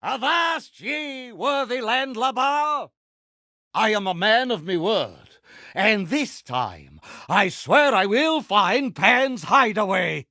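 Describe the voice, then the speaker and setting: Vain, theatrical pirate captain, Captain Hook. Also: male voice, high voice, animated, slow pace, bright, forceful tone, no echo, clean studio sound, full character voice. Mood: boastful, commanding, then pompous, scheming. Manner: pompous, theatrical, mock-genteel with pirate slang. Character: vain, pompous, villainous male pirate captain. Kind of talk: theatrical video game character lines.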